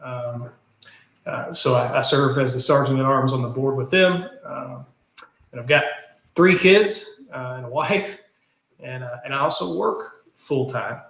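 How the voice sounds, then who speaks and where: A man's voice: mid-range voice, unhurried, fairly bright tone, slight background noise. A middle-aged man with an Appalachian accent, chatting casually as an interview guest. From Kentucky, US. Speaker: podcast guest, business owner. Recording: echoey room.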